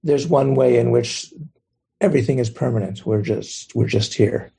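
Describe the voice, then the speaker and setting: A man, a Zen teacher, giving a gentle, thoughtful dharma talk and taking questions. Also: mid-range voice, moderate pace, creaky, breathy edge.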